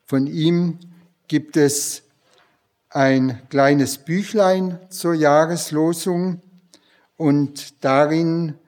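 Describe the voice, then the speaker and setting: A man preaching a sermon and reading a long Bible passage aloud in a slow, measured way. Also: fairly high pitch, steady tone, a little mellow.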